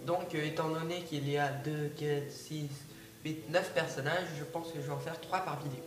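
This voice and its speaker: This man's voice is a little high, with fairly even intonation and a moderate pace. A gaming video creator who has a cold, he talks haltingly through a card game with frequent fillers and restarts. The recording is distant and off-mic in an echoey room, with background noise and music.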